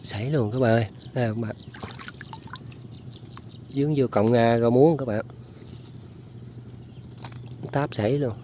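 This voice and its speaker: A man's voice: mid-range voice, a little slow, pauses often, dark tone, a little hiss or hum. A man narrating casually to viewers as he checks fishing lines and traps outdoors, chatting to them the whole way. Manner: chatty, keeps addressing viewers. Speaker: outdoor fishing and trapping vlogger. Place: outdoors in flooded rice fields.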